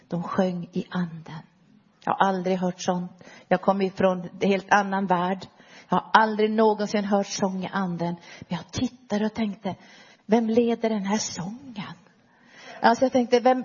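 A middle-aged woman preacher telling her conversion story in an earnest, storytelling way, dropping low and soft at key moments. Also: husky, dull audio. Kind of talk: personal testimony sermon.

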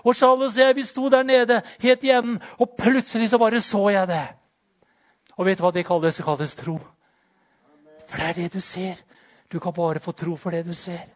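A high-pitched man preaching with charismatic fervor, jumping between hushed murmurs and sudden shouts. The sound is dull and lo-fi. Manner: swings between loud exclamations and soft murmurs, shouts and tongues. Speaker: pastor. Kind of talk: charismatic sermon.

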